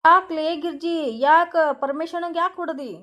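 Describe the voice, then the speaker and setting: Prying neighbour lady, North Karnataka accent, very high voice, cartoon gossip, voiced by a woman. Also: steady tone, normal speed, a bit bright. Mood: curious. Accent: North Karnataka Kannada. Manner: prying, questioning. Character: nosy, curious neighbour woman.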